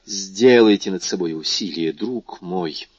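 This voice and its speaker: A man voicing a grave, composed male doctor who speaks in a measured, low, sometimes hushed way. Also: breathy edge, no echo. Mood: urgent. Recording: dull dry lo-fi recording.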